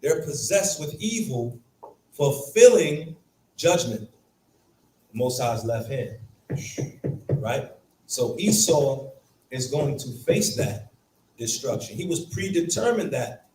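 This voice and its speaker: A man's voice: mid-range voice, sing-song, takes it slowly, pauses often, dark tone. A man teaching a Bible class, emphatic and throwing rhetorical questions at his students. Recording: echoey room from far off, faint ambience.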